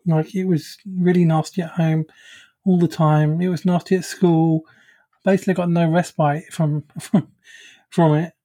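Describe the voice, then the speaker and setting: Mellow-voiced podcast host, reflective. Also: medium pitch, little pitch movement. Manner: reflective, halting with restarts. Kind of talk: conversational podcast interview.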